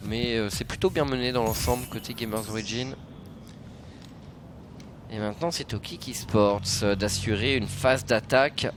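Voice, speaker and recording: A man's voice: medium pitch, moderate pace, noisy background. A man giving live, conversational analysis as co-commentator on a video game match. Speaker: esports co-commentator.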